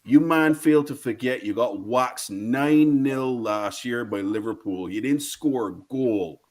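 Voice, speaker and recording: A man with a Barbadian accent delivers an indignant fan rant about football. His pitch sits in an ordinary male range, and he speaks in slangy, emphatic bursts, hammering points home by repeating them. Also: measured pace. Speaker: football fan guest caller.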